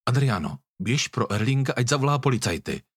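A man's voice: medium pitch, sing-song, breathy edge, no echo, studio quality. A man reading the part of a commanding young man standing up for his friend. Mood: urgent. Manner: stern, commanding. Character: young man, protective and threatening.

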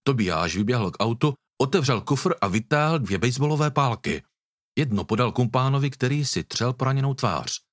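A man narrates a storybook with a husky, slightly breathy voice. His pitch moves a lot as he tells the story. The sound is dry and close. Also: animated, dry recording. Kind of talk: audiobook reading.

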